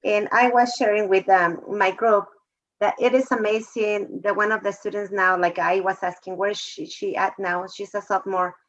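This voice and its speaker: Speaking with a mid-range voice and fairly even intonation, a fourth grade teacher from Mexico takes part in a video call discussion. Her phrasing halts, her tone is warm and emotional, and the recording has a dull, lo-fi video call quality.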